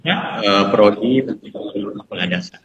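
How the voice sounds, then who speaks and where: A man's voice: fairly low pitch, lively intonation, a little slow, roomy sound, highs cut off, crowd noise. A male university lecturer calling in from campus as a radio guest, his voice choppy and breaking up, speaking hesitantly with many fillers. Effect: choppy, breaking-up call audio. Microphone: remote phone or online call from campus.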